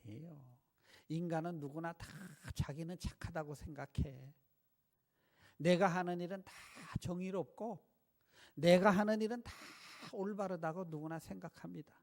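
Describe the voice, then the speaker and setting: High-voiced gravelly male pastor preaching. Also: normal speed. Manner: animated preaching, many rhetorical questions to the congregation. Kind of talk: sermon.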